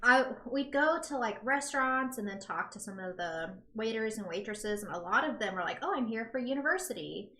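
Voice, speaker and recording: A woman's voice: medium pitch, normal speed, few pauses, pushed and bright, a little hiss or hum. A woman with a standard American accent chatting casually as a podcast co-host. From United States. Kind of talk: casual chat. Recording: roomy, echoey indoor sound.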